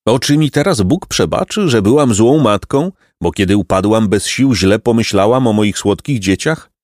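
Storybook figure: a worn-out old mother, tender and overjoyed, raised lively voice, put on by a male narrator, dry close sound. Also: fairly low pitch, moderate pace, no room sound, lightly acted. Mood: tearful joy.

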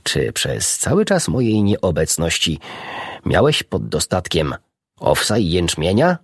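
A man voicing a kindly, jovial animal doctor in a storybook reading, warm and laughing. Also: deep voice, huge pitch swings, a little slow, creaky, slightly rough, no echo, studio quality, heavily acted.

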